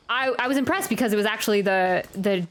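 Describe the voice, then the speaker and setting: Here a woman streamer talks casually through her gameplay reactions in a mid-range voice at normal speed, rambling and stammering while she thinks aloud. Faint game music runs in the background.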